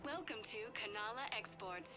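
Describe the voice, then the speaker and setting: A woman's voice: medium pitch, animated, moderate pace, over music. A woman voicing store announcements heard over a shop speaker, with a polished advertising tone. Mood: upbeat.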